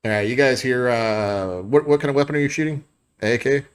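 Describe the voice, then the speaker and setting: A man's voice: medium pitch, a little fast, smooth. A man acting as game master, describing scenes and explaining rulings in a loose, conversational way. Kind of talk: narrating a tabletop game.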